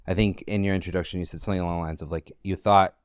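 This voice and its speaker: A man hosting a podcast, asking a long, rambling interview question that slows and trails off. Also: low voice, steady tone, smooth, no room sound, clean studio sound. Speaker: podcast host.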